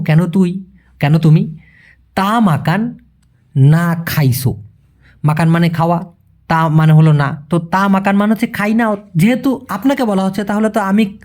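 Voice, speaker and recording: A man teaching a language lesson in a casual, colloquial way, calling the listener brother and slowing right down to spell out each phrase. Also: fairly high pitch, a little mellow. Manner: explains step by step, slows down sharply to spell out phrases.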